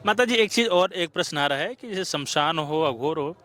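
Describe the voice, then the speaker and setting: A man's voice: a little high, animated, moderate pace, pushed and bright. A man interviewing politely, asking long, rambling, curious questions.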